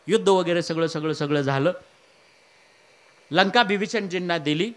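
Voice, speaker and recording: A man's voice: a little high, moderate pace. A man preaching a humorous, folksy Ramayana discourse, with asides to his listeners. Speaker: kirtan preacher.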